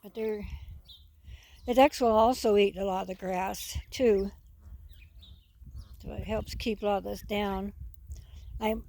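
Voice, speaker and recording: Warm and creaky at medium pitch, a woman talks at a measured pace with fairly even intonation and frequent pauses. She's filming her geese and ducks under a tree on her rural farm, giving casual, folksy vlog commentary that rambles and repeats itself. Outdoor noise, clicks, birds and geese calls come through.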